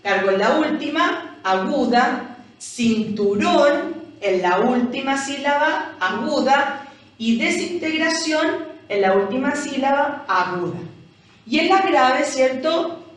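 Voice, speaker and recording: A woman's voice: high voice, lively intonation, measured pace. A woman with a Chilean accent, a teacher explaining a lesson who often asks her listeners "¿cierto?". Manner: explanatory, keeps asking "¿cierto?". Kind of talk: recorded language lesson review. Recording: echoey room, voice from far off.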